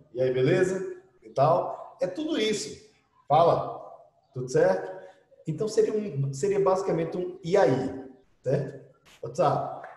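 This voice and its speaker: A man teaching an English class in casual Portuguese, acting out slang greetings and imitating how people talk. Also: a little high. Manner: lively, acts out slang phrases and imitates people. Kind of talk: online class lesson. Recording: echoey room with long reverb.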